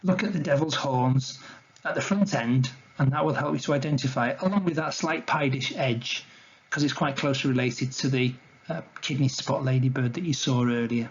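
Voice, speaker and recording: A man's voice: medium pitch, normal speed, husky, muffled recording. A man giving an illustrated talk on wildlife to slides, in an informal, conversational way. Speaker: wildlife educator presenting a talk.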